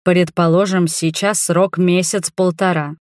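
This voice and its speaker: A woman reading the lines of a gentle, calm adult husband in a storybook. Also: lowish voice, dry recording, clean studio sound, natural voice. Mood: calm tender. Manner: calm, tender, slow.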